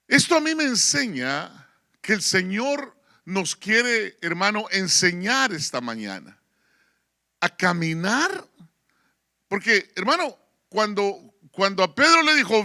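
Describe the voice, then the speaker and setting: A man pastor preaching a sermon, peppering his talk with asides to the congregation and rising into sudden loud bursts. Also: sits high, no room sound, studio quality.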